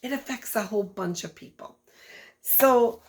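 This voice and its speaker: A woman school guidance counselor reading a storybook aloud and talking gently to students about kindness. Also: a little high, a little slow. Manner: gentle, explanatory, addressing students. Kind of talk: storybook read-aloud and lesson for children.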